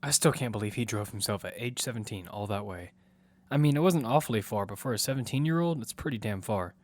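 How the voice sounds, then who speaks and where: A man with a lowish, animated voice speaks at a quick pace, playing Damian, a protective single father of a six-year-old girl, in an audio drama. He serves as both narrator and lead actor, here in a reflective narrating mood, with loud music running under his voice.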